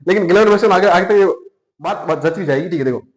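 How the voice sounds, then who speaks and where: Man, Rajasthani accent, high voice, chatty repetitive lecture, echoey room. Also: very fast. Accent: Rajasthani Hindi. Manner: chatty, repeats points and asks himself questions. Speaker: exam coaching teacher. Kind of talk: classroom lecture with memory tricks.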